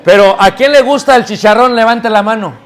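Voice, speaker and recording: A man preaching to a live congregation in a church, his pitched notably high. He tells stories with energy and keeps tossing questions out to the listeners so they answer back. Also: a little fast, some chatter behind. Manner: lively storytelling, calls out questions to the congregation. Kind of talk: sermon.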